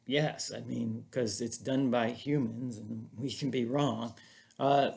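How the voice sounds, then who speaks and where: A man's voice: mid-range voice, vocal fry. A man teaching statistics in an informal recorded lecture, talking in a casual, chatty way with fillers and self-corrections, recorded at home on camera.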